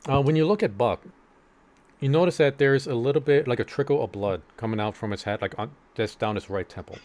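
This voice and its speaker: A man's voice: mid-range voice, fairly quick, darkish tone. A man narrating a tabletop game as game master, with lots of fillers and restarts. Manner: hesitant, many fillers and restarts.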